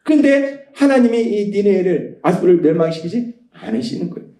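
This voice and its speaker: High-voiced pastor preaching in a roomy hall. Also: male voice, animated, brisk, mellow. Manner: conversational preaching with rhetorical questions. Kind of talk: Sunday sermon. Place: church sanctuary.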